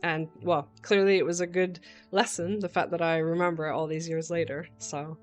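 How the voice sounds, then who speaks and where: A woman's voice: on the low side, fairly even intonation, moderate pace. A young woman streaming a farming game, chatting casually and reading dialogue aloud in an easily charmed, lightly laughing way. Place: home streaming setup. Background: faint game music.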